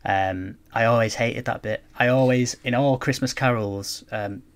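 A man's voice: mid-range voice, a little slow, smooth. Chatty man, laughing often. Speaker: podcast co-host. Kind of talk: casual chat.

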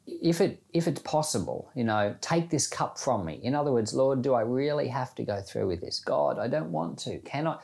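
A pastor's animated, creaky, darkish mid-range voice moves at a moderate pace as he shares Bible podcast commentary and prayer. His devotional talk is informal and reflective, plain-spoken, and explained through everyday examples.

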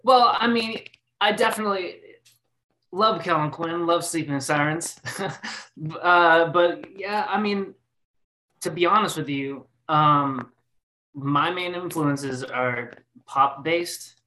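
A young man in his late twenties chats loosely about his musical past on a podcast, taking his time. His voice is bright and unhurried, with plenty of ums, likes and false starts. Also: fairly high pitch, a little hiss or hum. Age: 20s. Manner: rambling, full of fillers and restarts. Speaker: band singer. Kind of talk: casual podcast interview.

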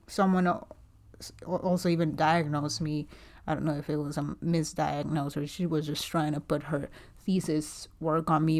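A woman in her thirties from Guatemala, talking alone in a casual podcast monologue, soft-spoken and hesitant, with many fillers and restarts. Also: deep voice. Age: 30s. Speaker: podcast host.

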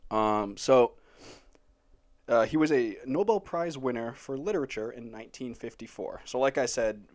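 A man's voice: mid-range voice, moderate pace, a little mellow. A man hosting a casual podcast, rambling with lots of fillers and frequent laughs. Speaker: podcast host presenting the topic.

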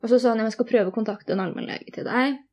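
A woman's voice: a little high, mellow. Young woman retelling a hard night, earnest. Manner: earnest, candid, retelling dialogue in detail. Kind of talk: personal storytelling in a conversation.

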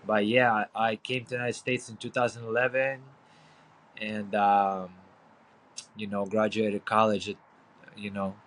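A man's voice: fairly low pitch, flat delivery, a little slow, long pauses, fairly bright tone, poor audio. A man in his thirties from Ukraine, speaking English with a Ukrainian accent, rambling casually with fillers as a guest on a podcast. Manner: rambling, frequent fillers and profanity. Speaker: guest, boxing coach. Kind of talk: casual interview.

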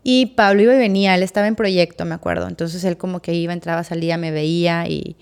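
A woman's voice: on the low side, steady tone, quick pace, vocal fry, clear, resonant tone. A woman with a Mexican accent, co-hosting a podcast and frankly telling a personal story in a reflective, candid way. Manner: frank, reflective, full of fillers like o sea. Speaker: podcast co-host.

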